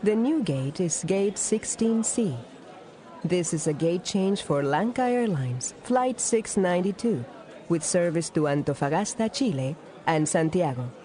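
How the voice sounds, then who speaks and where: A woman playing a formal, composed airline gate announcer, making a measured airport announcement. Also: on the low side, animated, mellow, a faint crowd. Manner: formal, measured, scripted delivery.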